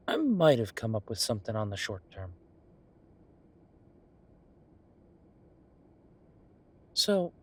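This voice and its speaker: A man with a lowish, natural voice plays an easygoing, devoted boyfriend who works as a small-town chef in an intimate conversational roleplay. He speaks casually and haltingly, sounding thoughtful and reassuring.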